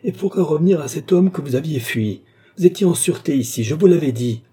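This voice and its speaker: A man's voice: medium pitch, brisk, warm tone, husky. A man voicing a haughty royal princess who gives commands and grows alarmed, read in an audiobook. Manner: commanding, indignant. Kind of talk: audiobook character reading.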